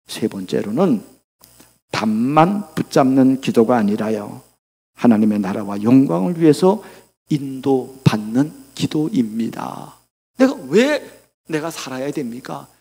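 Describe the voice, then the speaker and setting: An older man preaching a sermon, telling lively anecdotes and acting out the people in them. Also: on the high side, vocal fry, slightly rough. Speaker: pastor. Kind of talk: sermon with storytelling. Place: church sanctuary. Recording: long church reverb.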